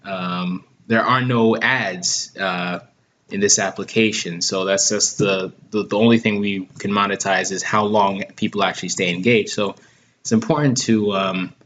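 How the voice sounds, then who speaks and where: A man's voice: fairly low pitch, steady tone, a little slow, fairly bright tone, slight background noise. Hesitant man talking through a tutorial. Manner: hesitant, many ums and restarts. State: has hiccups. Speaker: app owner giving a tutorial. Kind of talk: screen-recorded tutorial.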